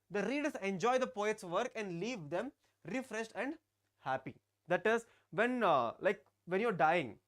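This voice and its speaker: A teacher, giving a live online class and often repeating phrases while talking to students in the chat. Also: medium pitch. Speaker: English teacher.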